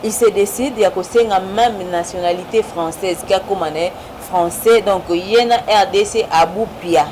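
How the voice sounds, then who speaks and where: A woman's voice: medium pitch, moderate pace, hardly any pauses. A woman interviewing a guest, throwing in short prompts and challenges. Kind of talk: conversational interview. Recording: noisy background.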